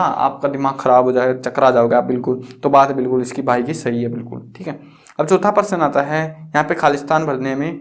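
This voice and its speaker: A young man teaching school science in a chatty, teasing way, asking questions and answering them himself. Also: medium pitch. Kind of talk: casual classroom explanation.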